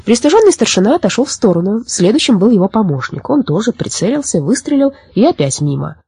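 Breathy woman reading a children's story. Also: mid-range voice, fast talker, dry recording. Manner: expressive storytelling. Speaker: audiobook narrator. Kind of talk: children's audiobook narration.

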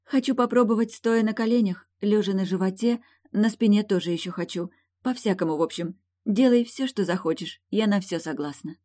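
A woman's voice: medium pitch, a little fast, mellow, pitched above the performer's own voice, close to an everyday voice. A woman reading an audiobook voices a headstrong young princess in love, eager and insistent. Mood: playful eager.

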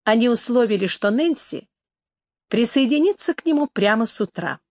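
Dry, fairly high-voiced woman narrator. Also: expressive, normal speed, a little mellow, dry recording. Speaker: audiobook narrator. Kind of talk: audiobook narration.

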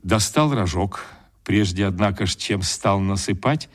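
A man reading a classic tale aloud as an audiobook, telling it in a lively, suspenseful way. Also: low voice. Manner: lively storytelling, builds suspense with pauses. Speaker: audiobook reader. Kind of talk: expressive literary narration.

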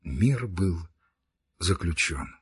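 A man narrating an audiobook classic in a steady, measured reading. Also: low voice, breathy edge.

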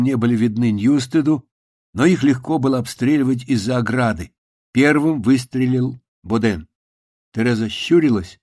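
A man reading a story aloud, calm and measured, dropping his voice low for the quiet lines. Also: no room sound, studio quality. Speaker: narrator. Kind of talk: audiobook reading.

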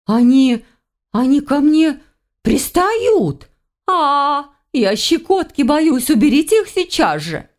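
A woman's voice: big pitch swings, slow, exaggerated voice. A woman voicing a ticklish, flustered female dryad in an audiobook. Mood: panicked. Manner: flustered, squeaky.

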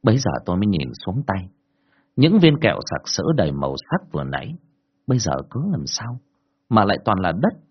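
A man narrating a first-person horror story in a dramatic, drawn-out way. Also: fairly low pitch, very animated, slightly rough. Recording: dull lo-fi recording.

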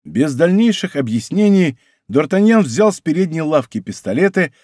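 A man reading an adventure novel aloud as a narrator, with expressive, steady storytelling. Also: a little high, normal speed, dry recording, clean studio sound. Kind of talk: audiobook narration.

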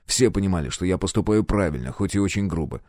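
A man's voice: deep voice, animated, fast, darkish tone, no room sound, studio quality. A man narrating a first-person science fiction audiobook in a menacing, clipped way.

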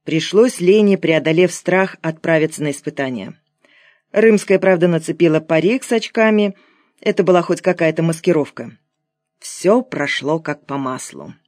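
A woman narrating an audiobook in an even, unhurried reading voice on a close microphone. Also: low voice, no echo. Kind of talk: scripted narration.

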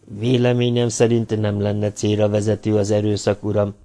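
A man's voice: lowish voice, completely flat delivery, warm tone, close to an everyday voice. A man reading an audiobook, voicing a humanoid male robot who questions firmly and insistently, his voice raised above his narrating tone.

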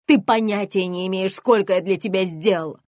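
A woman voicing a distraught single mother who shouts and sobs, gasping for air, in an audiobook. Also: mid-range voice, a little fast, dry recording, clean studio sound, natural voice. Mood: screaming.

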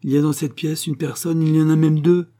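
A man's voice: a little high, level tone, fairly quick, mellow, pitched above the performer's own voice, natural voice. A man voicing a proud, wounded young aristocratic widow who speaks in a pleading, bitter way. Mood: bitter, wistful.

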